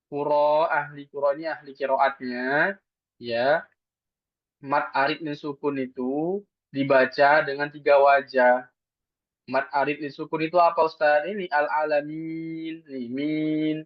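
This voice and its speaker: A man's voice: fairly high pitch, no room sound. A man teaching Quran recitation in an online lesson, explaining patiently step by step and asking and answering his own questions. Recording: dull dry lo-fi sound.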